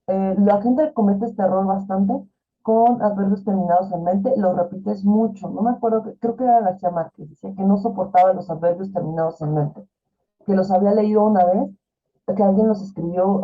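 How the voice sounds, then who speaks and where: Woman teaching over a tinny call. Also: mid-range voice. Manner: chatty, explains with fillers and rhetorical questions. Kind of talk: online class lecture. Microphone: video call. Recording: tinny phone-like video call audio.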